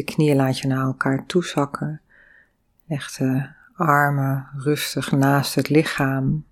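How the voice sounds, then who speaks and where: Calm low-voiced woman guiding breathing. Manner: calm, slow guiding with sung vowel sounds. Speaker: movement and breathing instructor. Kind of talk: guided breathing and body exercise.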